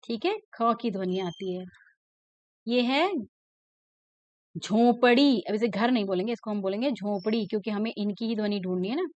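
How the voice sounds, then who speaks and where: A woman's voice: medium pitch, a little mellow, dry recording. A woman teacher, patiently explaining a lesson to young children and often checking that they follow. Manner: patient, repeats words slowly and checks in with "ठीक है ना". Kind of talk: classroom lesson explaining a textbook. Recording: dull, lo-fi, dry sound.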